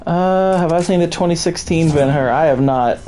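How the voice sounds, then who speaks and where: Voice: mid-range voice, normal speed, mellow, soft background music. A gamer giving dry, understated commentary while playing a video game. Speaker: let's play gamer. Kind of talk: casual gameplay commentary.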